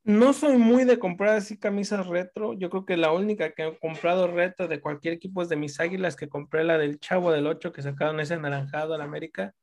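A fairly high-voiced man, chatting about football on a talk show. He is animated, swears casually and often breaks off to restart a sentence. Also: a little fast, few pauses. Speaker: sports talk show host. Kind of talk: casual sports chat.

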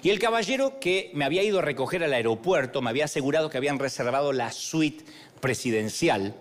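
A man's voice: a little high, expressive, fast. A man with an Argentine accent giving a humorous, sermon-style talk, telling stories in a playful, self-mocking way. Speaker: motivational speaker.

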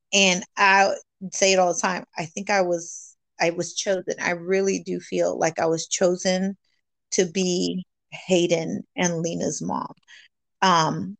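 A woman's voice: on the low side, creaky, no echo. A woman from California talking as a guest, earnest and upbeat, mixing English and Spanish and laughing often. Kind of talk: casual bilingual interview chat.

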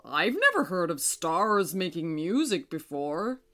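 A woman voicing the moon as an old, kindly man, who speaks gently and slowly. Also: fairly low pitch, big pitch swings, pitched below the performer's own voice. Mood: gentle. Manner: gentle, slow, warm-hearted.

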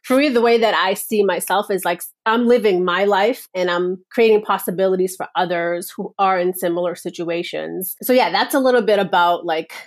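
A woman's voice: medium pitch, normal speed, hardly any pauses. Woman from nepal on a podcast, earnest and reflective, lots of "like" and "and so", medium voice. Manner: earnest, reflective, many "like" and "and so" fillers. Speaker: guest, personal power coach. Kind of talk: casual podcast interview.

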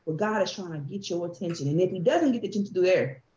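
A woman's voice: fairly low pitch, expressive, fast talker, warm tone. A woman host sharing a heartfelt faith testimony in an earnest, emphatic storytelling way. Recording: echoey, dull room sound.

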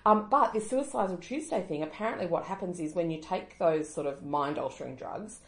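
A low-pitched, middle-aged woman chats loosely on a podcast, wandering between thoughts and trailing off. Her voice carries a noticeable room echo. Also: fairly quick. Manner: chatty, rambling, trails off mid-sentence. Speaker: podcast co-host. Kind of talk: casual chat. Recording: roomy echo.

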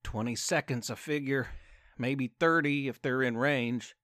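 A hapless, wisecracking space pilot in a spoken storybook tale, as a male narrator puts him on. His voice sits on the high side and leaps about as he cracks jokes. The sound is close and dry. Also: big pitch swings, moderate pace, fairly bright tone, dry recording. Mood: resigned. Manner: joking, flippant.

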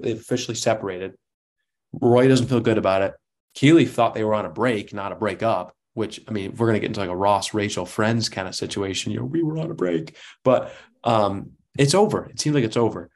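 A man hosting a casual podcast chat, talking in an animated, joking way with quick asides. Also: fairly low pitch. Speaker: podcast host.

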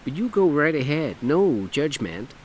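A man's voice: fairly high pitch, sing-song, a little slow, a little hiss or hum, voice pushed up. A man voicing a flamboyant, brash lawyer who talks in a camp, sassy, emphatic drawl.

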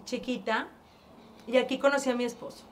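A woman from northern Mexico with a northern Mexican accent, telling her story as an interview guest in a casual, animated way, acting out past conversations and often restarting her sentences. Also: a little high, fairly quick. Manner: animated, acts out past dialogue, frequent restarts.

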